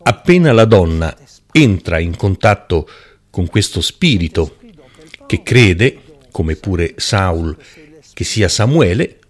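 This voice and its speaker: A man preaching a Bible-teaching sermon in an emphatic, deliberate, rhetorical way. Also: low voice, very animated.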